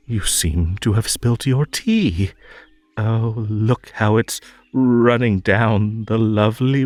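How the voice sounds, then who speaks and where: A deep-voiced man plays a possessive host of a magical tea party in a scripted roleplay audio drama. He's over-polite, halting and drawn-out, swinging between coaxing and stern, with a menacing, unhinged edge beneath the sweetness that feels playful and unsettling. There's no room sound.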